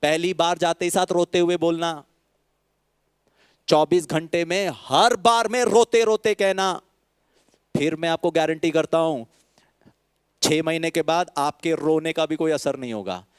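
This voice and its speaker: A man's voice: on the high side, unhurried, long pauses, clean tone, no room sound, studio quality. A man with an Indian accent giving a spiritual talk, mixing Hindi and English, asking mocking rhetorical questions and acting out the people he quotes. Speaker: spiritual speaker.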